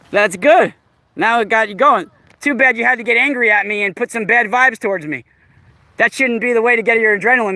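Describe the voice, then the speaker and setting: A man's voice: sits high, sharp tone, dry recording. A man in his forties recording a vlog outdoors in a park, talking in a sarcastic, confrontational way and repeating himself. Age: 40s. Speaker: vlogger. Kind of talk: casual vlog, arguing with a stranger. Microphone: camera mic while filming.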